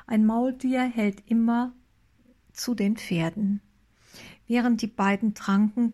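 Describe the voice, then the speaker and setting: Slow, even-toned woman narrator. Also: fairly high pitch. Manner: calm, measured storytelling. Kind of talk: scripted narration.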